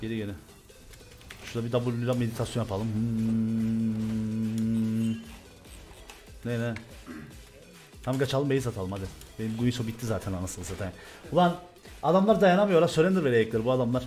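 A young man from Turkey commentating loudly and excitedly on his own gameplay, swearing and shouting at the game. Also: on the low side, normal speed, pauses often, soft background music. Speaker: gaming streamer.

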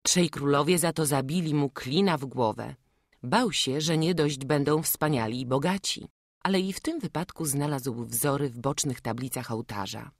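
A woman narrating an audiobook chapter in a measured storytelling manner. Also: extremely low pitch, dry recording, studio quality. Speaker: audiobook reader. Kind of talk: scripted narration.

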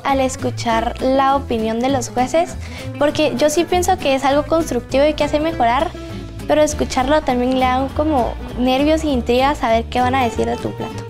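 A teenage girl from Guatemala talks about herself in an eager, articulate way. Her voice is high. Music plays clearly behind her. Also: moderate pace. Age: teens. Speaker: contestant. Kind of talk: interview.

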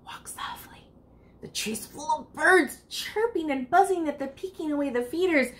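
Speaking at a normal speed in a high voice, a library storytime reader in her thirties gives an expressive picture-book reading and talks directly to the kids. The setting is a furnished room indoors.

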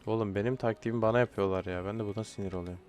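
Young man, gaming commentary, low voice, frustrated outbursts, faint music behind. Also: fairly even intonation, very fast, a little mellow. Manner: frustrated outbursts, swearing at players. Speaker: gaming YouTuber. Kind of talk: live gameplay commentary.

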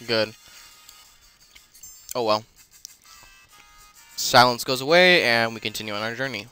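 A man with a bright, crisp, smooth voice talks over his own gameplay in a loose, unscripted way. He rambles, trails off into fillers and corrects himself mid-sentence. Faint game music plays underneath. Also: mid-range voice, a little slow. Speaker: let's play host. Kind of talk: casual gameplay commentary.

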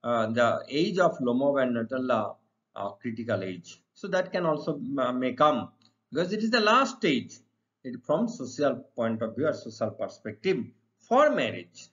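A middle-aged English teacher with an Indian accent runs an exam lesson, reading questions and explaining answers emphatically with repeated phrases. His mid-range voice is sing-song and a bit bright at normal speed, captured in a dull lo-fi recording.

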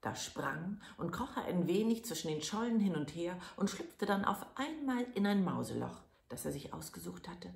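A woman reading a fairy tale aloud as a storyteller, in a calm, measured manner. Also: on the low side, creaky. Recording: echoey room.

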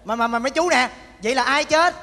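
A man's voice: very high-pitched, fast, gravelly, pushed and bright, exaggerated voice. A man voicing an earnest boyfriend duped into paying for a fake funeral, stammering and flustered in a stage comedy sketch. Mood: bewildered. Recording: live stage recording in a reverberant hall.

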